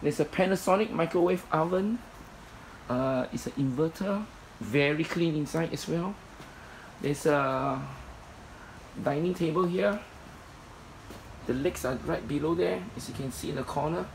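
Man, matter-of-fact seller, fry in the voice, faint background noise. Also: fairly high pitch, a little slow, long pauses, low-quality recording. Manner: plain, matter-of-fact listing with many fillers. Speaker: storage unit seller. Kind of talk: walkthrough commentary. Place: indoor storage unit. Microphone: phone camera held in hand.

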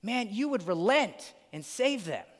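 Dude doing whiny pouty prophet guy, kinda high, lots of church echo. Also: very animated, unhurried, full character voice. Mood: petulant. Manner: whiny, complaining. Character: sulky, self-pitying male prophet, grown man acting childish.

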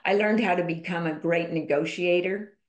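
A woman's voice: lowish voice, moderate pace. A woman guest on a podcast, telling a personal story in an emphatic, candid way. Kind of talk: conversational storytelling interview. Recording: roomy echo.

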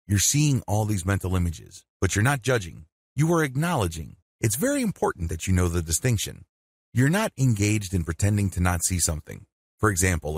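A man narrates a guided meditation lesson from a script in a deliberate, measured way. His voice is on the low side and husky, with lively swings in intonation. The sound is very dry. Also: no room sound. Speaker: meditation instructor.

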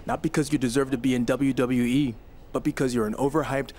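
A man's voice: medium pitch, fairly even intonation, normal speed, a little mellow, a little hiss or hum, lightly acted. An actor playing a stern male wrestler in a video game who bluntly scolds a rival.

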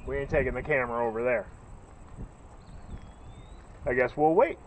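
A middle-aged man from Northeast Ohio with a local accent, chatting excitedly and joking as he films a fishing trip outdoors by a lake, recorded on a bagged camera. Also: medium pitch, normal speed. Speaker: fishing vlogger. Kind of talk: casual outdoor commentary. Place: lakeshore outdoors in the rain. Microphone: camera on a stand, bagged against rain. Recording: outdoor camera audio with noise.

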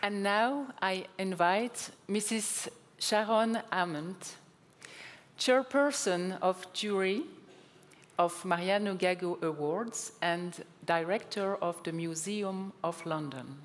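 A woman emcee formally introducing the next speaker with slow, careful delivery. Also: medium pitch, slight background noise. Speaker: master of ceremonies. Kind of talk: formal announcing. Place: large conference hall. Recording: hall reverb on stage mic.

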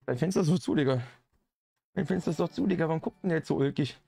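A young man livestreaming a shooter game, talking in slang, greeting viewers and getting excited at the action. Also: fairly high pitch, fast, gravelly, husky. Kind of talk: live gameplay commentary. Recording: game sounds and noise behind. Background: game sound effects, vehicle noise.

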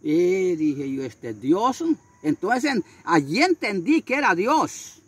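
An older man tells his story with fervor, repeating his phrases and acting out each voice. His voice is husky and high, and it leaps through a wide range. Crickets chirp faintly behind him outdoors. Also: very animated, slow pace, no echo. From Honduras. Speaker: street preacher. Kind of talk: storytelling interview.

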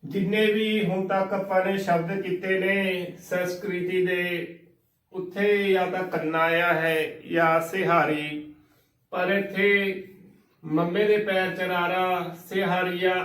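Slow, high-pitched man teaching in an echoey room. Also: steady tone, a bit bright, recorded from a distance. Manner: slow, methodical, repeats spellings letter by letter. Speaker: teacher of scripture pronunciation. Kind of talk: religious pronunciation lesson.

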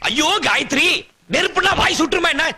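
An actor playing a flustered husband caught between two wives, pleading with a gravelly voice in a film drama. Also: male voice, very high-pitched, a little fast, a loud crowd. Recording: loud film music behind.

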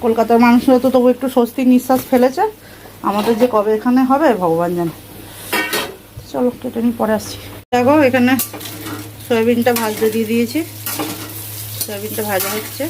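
A woman in a casual home vlog, chatting along as she works through chores and cooking. Her voice sits a little high, and steady background noise with frying sounds runs behind her. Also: a little fast, pauses often. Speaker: vlogger. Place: home kitchen. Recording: noisy room with frying sounds.

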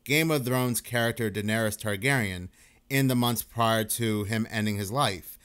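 A man's voice: fairly low pitch, moderate pace, a bit bright, clean tone. Man giving casual commentary. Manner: conversational, uses fillers like basically. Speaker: YouTube commentator. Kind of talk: commentary reading news articles and chat logs aloud.

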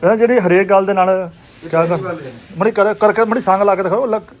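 A man's voice: sits high, fairly even intonation, a little fast, slight background noise. A man with a Punjabi accent giving casual, hearty vlog commentary and bantering with his companions. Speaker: vlogger hosting. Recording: chatter of a group behind.

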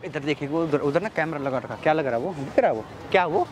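A man's voice: on the high side, lively intonation, fast talker, noisy background. A young man scolding and threatening in a heated confrontation outdoors on a city street. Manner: aggressive, scolding. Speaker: bystander confronting a girl.

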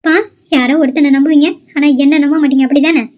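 Woman doing a protesting young cartoon student, high voice, dull lo-fi sound. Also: fairly even intonation, fast talker, natural voice. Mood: pleading. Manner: pleading and protesting. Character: upset young female college student. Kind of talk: cartoon voice acting. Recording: dull lo-fi audio.

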